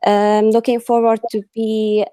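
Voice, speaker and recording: A woman's voice: a little high, completely flat delivery, unhurried, mellow, no echo. Hesitant woman. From Saudi Arabia and Syria. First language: Arabic. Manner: hesitant, searching for words, laughing often. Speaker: student. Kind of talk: introducing herself in class.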